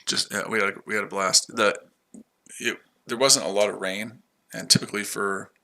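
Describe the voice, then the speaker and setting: Trading on a livestream, an American man from the United States rambles casually, repeats himself and talks to his viewers. His fairly low voice keeps a steady tone at a moderate pace, bright and forceful.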